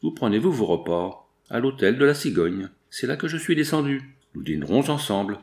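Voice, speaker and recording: A man reading a classic novel aloud as an audiobook narrator, shifting his pitch for each character's lines. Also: sing-song, normal speed, vocal fry, a little mellow.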